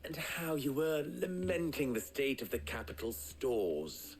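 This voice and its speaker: An actor in a video game playing a formal, dryly sardonic leader who speaks in measured sentences. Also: male voice, mid-range voice, very animated, faint music behind, poor audio. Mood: wry.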